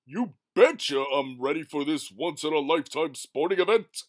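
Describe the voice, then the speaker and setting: A man's voice: fairly high pitch, expressive, moderate pace, background noise, lightly acted. A man voicing a brash, showy race announcer hyping up a crowd.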